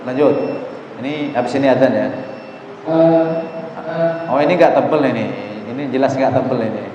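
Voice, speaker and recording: Speaking at a moderate pace with a medium-pitched, darkish voice, a man patiently guides students through Quran recitation drills in a mosque hall, demonstrating each sound himself. The echoey hall adds faint ambience, and there's slight background noise.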